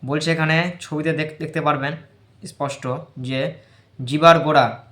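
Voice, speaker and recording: Slow, echoey lesson by a man. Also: a little high, steady tone. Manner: explains patiently, repeats letter sounds loudly for practice. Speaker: teacher of Quran letter pronunciation. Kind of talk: informal recitation lesson.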